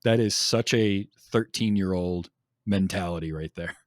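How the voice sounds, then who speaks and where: Unhurried and deep-voiced, a male podcast host discusses a film in an eager, informal way, dropping plenty of ums. The audio is studio quality with no echo.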